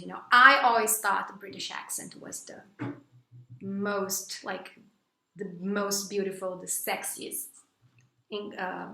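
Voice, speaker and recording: There's vocal fry in this Brazilian woman's voice, recorded in a roomy space. She teaches English and vlogs, and here she talks casually to the camera in accented second-language English, rambling through fillers and restarts and bursting into high-pitched, excited quotes.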